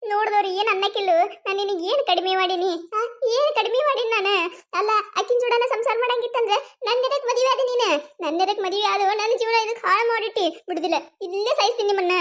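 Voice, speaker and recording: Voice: very high-pitched, fast talker, fairly bright tone. A performer voicing a jealous village wife in a cartoon, scolding. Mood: angry. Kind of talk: cartoon voice acting.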